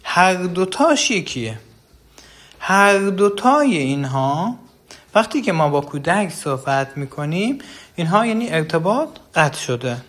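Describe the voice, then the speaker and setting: Male speaker with a somewhat high voice, earnest teacher of parents, explains patiently with examples. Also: sing-song, a bit bright. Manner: earnest, explains with everyday examples and direct address. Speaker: parenting educator. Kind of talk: explanatory talk.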